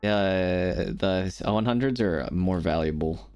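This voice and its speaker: A woman talks through a voice changer that drops her voice very low. She chats casually while gaming and keeps steering her team toward health and upgrades. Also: slow, a little mellow, clean tone. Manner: bossy, practical, organizes the team's health and upgrades. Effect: voice changer making the voice deep. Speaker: gamer playing with friends.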